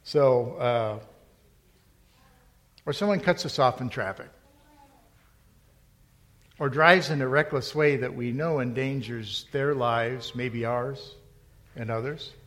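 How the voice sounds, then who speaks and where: A man's voice: medium pitch, slow, long pauses, fairly bright tone. A middle-aged male pastor preaching a sermon in a conversational storytelling way, rising to emphatic points. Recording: long hall reverb.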